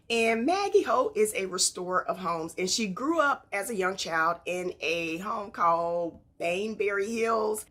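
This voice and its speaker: A book vlogger chats casually with her viewers in a book haul, telling stories conversationally and throwing out rhetorical questions. Her mid-range voice is bright and forceful.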